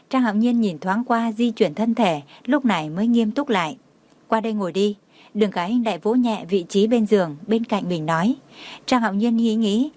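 A woman's voice: mid-range voice, darkish tone, no echo. Woman reading an audio novel. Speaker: narrator.

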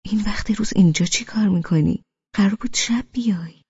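A woman's voice: medium pitch, a little mellow, slightly rough, dry recording, muffled recording. Flustered young woman, as a woman reader puts her on. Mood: surprised. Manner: hurried, startled.

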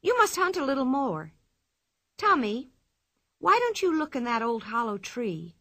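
A woman's voice: sits high, unhurried, dry recording, clean studio sound, voice pushed up, heavily acted. Woman doing a fearless, cheerful little redhead girl. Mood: kindly. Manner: lively, playful, sing-song lilt. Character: cheerful bold red-haired young girl, fearless.

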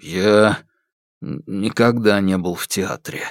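A man reading an audiobook, voicing a shaken young man who speaks in a subdued, halting way. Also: mid-range voice, lively intonation, dry recording, clean studio sound.

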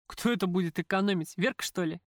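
A woman's voice: lowish voice, fast, no room sound, studio quality, natural voice. A woman reading a domineering bossy father. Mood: mocking, bossy. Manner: gruff, scolding, commanding. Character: domineering middle-aged father, a gruff bossy man.

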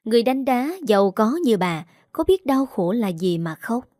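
Woman storyteller, steady reading, warm dark voice, dry close mic. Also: a little high, normal speed, no echo. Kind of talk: scripted story narration.

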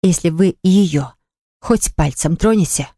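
A woman's voice: fairly low pitch, measured pace, mellow, dry recording, studio quality. A woman voicing an indignant young woman baker who speaks in a shaky, upset voice.

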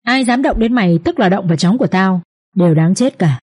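A harsh, imperious matriarch of a rich old household barks orders and threats, as a woman reading the story puts her on. Her voice has a dark, mellow tone, yet every line lands as a command. She rules the house and answers any objection with scorn. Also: medium pitch, expressive, quick pace, breathy edge. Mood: stern. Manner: scolding, imperious, shouting threats.

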